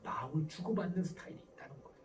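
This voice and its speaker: A man giving a lively lecture on parenting who acts out example dialogues as he explains. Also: a little high, racing, far from the mic, a little hiss or hum.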